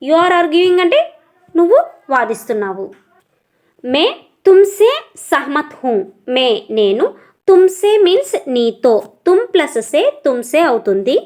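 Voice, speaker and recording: A woman with a Telugu accent teaching a language lesson, slowly repeating each word and its translation. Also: sits high, very animated, darkish tone. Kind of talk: tutorial lesson.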